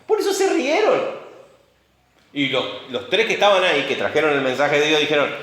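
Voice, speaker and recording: A man preaching a sermon, full of rhetorical questions and swinging between loud outbursts and hushed moments. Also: fairly high pitch, very animated, brisk. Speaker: pastor. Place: church. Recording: very echoey church room.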